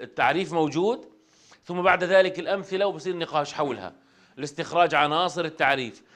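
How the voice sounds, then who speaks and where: A man teaching a Quran recitation class, asking the students quick questions in a conversational way. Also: a little high, fairly bright tone.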